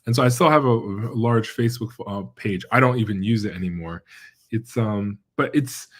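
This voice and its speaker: A man's voice: on the low side, normal speed, a bit bright. A middle-aged man, born in China and raised in the American Midwest, talking casually as a guest epidemiologist, hesitant and full of fillers and restarts. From born in China, raised in the American Midwest and central Pennsylvania. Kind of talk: casual interview chat.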